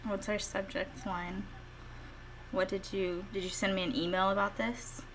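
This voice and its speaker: A woman's voice: medium pitch, flat delivery, a little slow, a crowd in the background. A young woman co-hosting a casual podcast, giggly and rambling, with lots of filler words. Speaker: podcast co-host. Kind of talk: casual chat.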